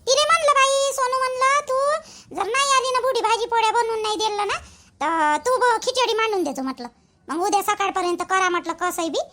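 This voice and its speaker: An extremely high, pushed, bright voice belongs to a woman speaking briskly as a talkative village mother in a rural family cartoon. Her colloquial Vidarbha Marathi carries a Varhadi accent, and she rambles and repeats herself in a chatty, practical way.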